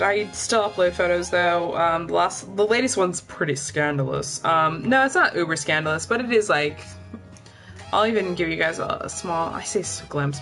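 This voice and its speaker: Faint music plays behind a young woman's live stream as she rambles in a blunt, profane, casual way, full of filler words. Her voice sits lower than that of most women.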